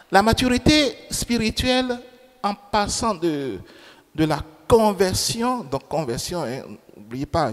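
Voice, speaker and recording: Preaching in French, which is not his native language, a man speaks slowly and deliberately in a voice a little higher than typical for men. He often repeats key phrases and puts questions to the congregation, and his words echo with long reverb through the church.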